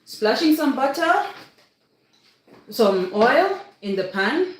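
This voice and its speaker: A woman from Cameroon with a Cameroonian English accent hosts a casual live baking demonstration, chatty and instructive, often checking in with her viewers. Her high voice swings widely in pitch at a slow pace, in a very echoey room with faint noise.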